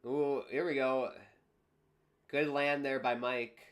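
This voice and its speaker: Male streamer, mid-pitched, wry live fight commentary, exasperated. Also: little pitch movement, takes it slowly, fairly bright tone. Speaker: livestream host reacting to a boxing match.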